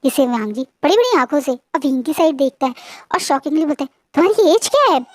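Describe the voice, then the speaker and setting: A woman's voice: high-pitched, fast, no room sound. A woman casually retelling a fan-fiction story in a chatty, hesitant way with frequent fillers.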